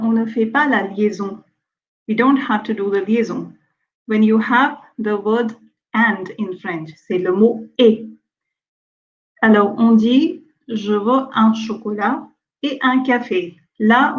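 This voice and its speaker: A woman with an Indian accent teaching French pronunciation in an online lesson, switching between French and English and repeating example words slowly and clearly. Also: a little high. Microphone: online webinar audio. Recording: dull lo-fi webinar audio.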